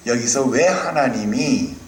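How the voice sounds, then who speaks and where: A man's voice: mid-range voice, expressive, slow pace, reverberant, slight background noise. A male pastor preaching a sermon in a church, speaking animatedly and asking the congregation questions. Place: church hall.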